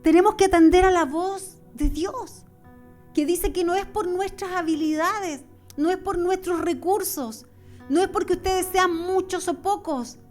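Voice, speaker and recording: A woman preaching a sermon, passionate and repetitive, acting out the voices she describes. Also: very high-pitched. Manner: impassioned, repetitive preaching with acted-out inner voices.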